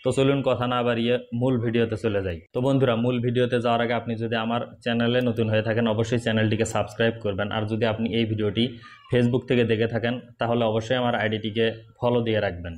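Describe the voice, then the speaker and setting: A man with a mid-range voice talks fast in a flat delivery, hosting a tech tips channel. Addressing viewers directly, he narrates a step-by-step phone tutorial with instructions.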